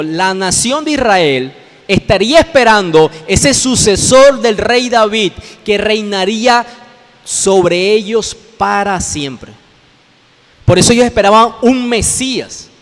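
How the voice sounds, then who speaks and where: A man's voice: high voice, expressive, slow pace. A man with a Colombian accent preaching a sermon as pastor, explaining the text and addressing listeners directly, repeating phrases for emphasis. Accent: Colombian Spanish. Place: church hall. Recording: long reverb of a church hall.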